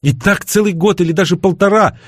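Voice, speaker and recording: A man voicing a whiny, desperate young man, high and strained as he pleads. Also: a little fast, no echo, studio quality.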